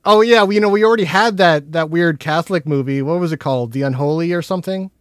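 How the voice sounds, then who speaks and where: A man's voice: fairly high pitch, quick pace, clear, resonant tone, dry recording. A man hosting a casual film chat podcast, talking in a jokey way with touches of mock-formal showman patter. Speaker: podcast host.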